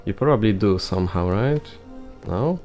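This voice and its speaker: A young man giving casual gameplay commentary, thinking out loud in a rambling way and filling his talk with "like". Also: on the low side, expressive, moderate pace, soft background music. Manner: heavy use of "like" fillers.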